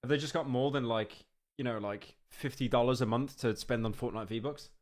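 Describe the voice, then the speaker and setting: A young man reacting on a live stream, rambling with stammered restarts and sudden excited outbursts. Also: medium pitch, normal speed.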